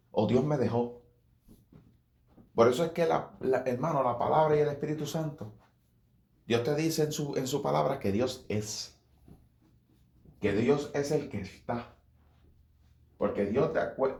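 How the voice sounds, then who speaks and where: A man's voice: medium pitch, a little mellow, echoey room. A man giving an informal sermon, talking conversationally, repeating phrases and calling his listeners brother. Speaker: preacher.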